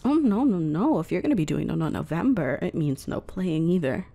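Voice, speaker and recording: In an intimate roleplay audio, a woman plays a coy, teasing, dominant wife speaking playfully to the listener, heavily acted. Her lowish, warm voice is very animated, mixing slow breathy murmurs with playful chatter.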